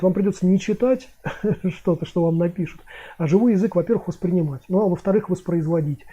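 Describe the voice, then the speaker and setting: A man's voice: sits high, dark tone, husky. A man in his fifties chatting casually on a livestream, rambling with many filler sounds. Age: 50s. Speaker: streamer answering chat. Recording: dull lo-fi stream audio.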